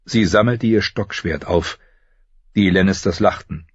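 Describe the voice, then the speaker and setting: A man narrating an audiobook in an expressive reading style. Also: low voice, measured pace, slightly rough, no room sound. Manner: expressive reading, shifting into voices. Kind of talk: scripted narration. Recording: dull lo-fi recording.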